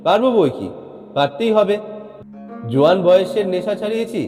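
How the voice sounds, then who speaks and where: A man voicing a suspicious, sharp-tongued older housewife who scolds her husband. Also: sits high, expressive, moderate pace, pitched above the performer's own voice. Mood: indignant. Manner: scolding, indignant. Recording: long reverb, faint background music.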